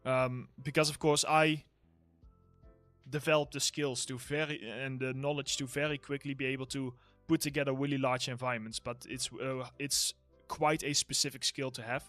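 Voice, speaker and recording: Man, Dutch accent, casual livestream Q&A host, mid pitch, faint music behind. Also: level tone, normal speed, fairly bright tone. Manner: reads chat questions aloud and answers loosely, with fillers and laughs. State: throat getting sore from talking. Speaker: livestream host, environment art tutor.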